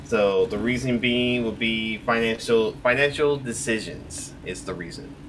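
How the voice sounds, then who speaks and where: A man's voice: mid-range voice, unhurried. A man co-hosting a casual podcast, sharing news in an easygoing way with loose, filler-heavy phrasing. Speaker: podcast co-host. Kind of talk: casual chat, reading news. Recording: distant mic with clear background noise.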